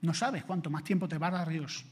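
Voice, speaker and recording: A man from Spain preaching an emphatic sermon, building to forceful urgency. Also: on the high side, fairly quick, husky. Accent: Spain Spanish. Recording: long hall reverb.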